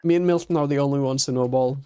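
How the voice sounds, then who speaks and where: A man's voice: mid-range voice, quick pace, warm tone, slight background noise. A man streaming a building game, thinking aloud and chatting with viewers, laughing easily. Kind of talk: casual chat while playing a building game.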